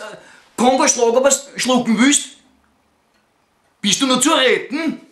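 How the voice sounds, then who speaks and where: A man's voice: high-pitched, sharp tone, echoey room. Crude Viennese man on a comic phone call. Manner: crude and foul-mouthed, lurching between outbursts and sweet talk. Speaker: comedian performing a one-sided phone call. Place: living room.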